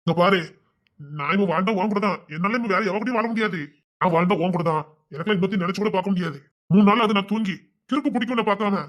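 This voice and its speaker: Brief: a man as a lovesick youth with a lilt, high voice, rapid patter, fretful and pleading. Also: a bit bright. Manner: fretful rambling inner monologue, then pleading. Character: lovesick young village man, restless, scheming to elope. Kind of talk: audio love-story drama.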